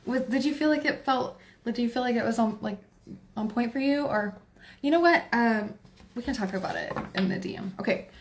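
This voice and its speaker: A woman's voice: on the high side, fairly quick. A woman in her forties with a Texan accent, hosting a casual tarot livestream, chatty and laughing as she talks to her viewers and to herself. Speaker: tarot reader livestream host.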